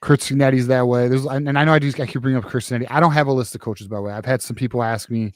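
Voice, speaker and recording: A man hosts a casual postgame sports show, ranting with plenty of profanity and false starts. His voice sits at an ordinary pitch. It sounds close and dry, with little room sound. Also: fairly even intonation, rapid-fire, no room sound. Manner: profane, heated, rambling with many restarts. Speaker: podcast host.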